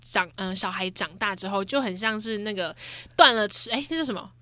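A woman co-hosting a casual radio chat, talkative and quick to laugh. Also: medium pitch, bright, forceful tone, dry recording. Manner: chatty, laughs often, frequent fillers. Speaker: radio host.

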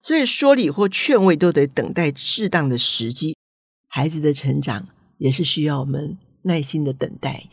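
A woman's voice: low voice, expressive, moderate pace, breathy edge. An older woman with a Taiwanese accent, an author chatting folksily about her grandchildren and acting out family dialogue. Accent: Taiwanese Mandarin. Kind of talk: storytelling talk.

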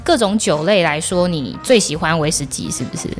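Lively chatty woman host. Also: sits low, fairly quick, soft background music. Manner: chatty, laughs often, many listening murmurs. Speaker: podcast host. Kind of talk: casual chat.

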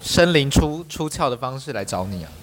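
A man's voice: mid-range voice, lively intonation, fairly quick. A man, a podcast host reacting with dramatic exclamations and teasing asides. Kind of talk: casual chat.

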